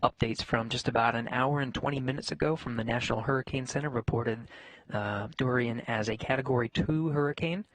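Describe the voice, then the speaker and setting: A man giving live space mission commentary in a measured, factual announcing manner. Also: mid-range voice, a bit bright, no echo, poor audio.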